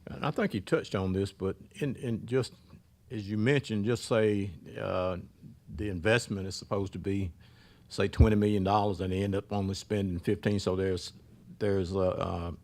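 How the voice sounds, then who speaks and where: A commissioner with a low, strongly gravelly voice asks careful questions at a board meeting. His tone stays polite and measured. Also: steady tone, darkish tone. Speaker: county commissioner.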